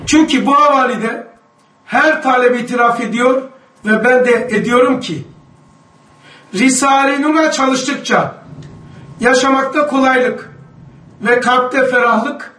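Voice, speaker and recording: A man leading a religious study lesson, reading aloud from a book and commenting emphatically, at times raising his voice to a shout. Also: very high-pitched. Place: indoor room with a group of students. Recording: echoey room, mic far off.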